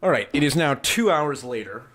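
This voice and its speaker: A man's voice: a little high, animated, brisk, a bit bright. A man delivering casual video commentary in a sarcastic, self-deprecating way. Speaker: video essayist.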